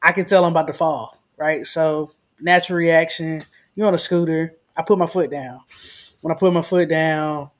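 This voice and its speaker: A woman's voice: sits low, steady tone, normal speed. A woman co-hosting a travel vlog, telling a story bluntly, swearing freely and acting out what people said. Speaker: vlog co-host. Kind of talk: casual storytelling.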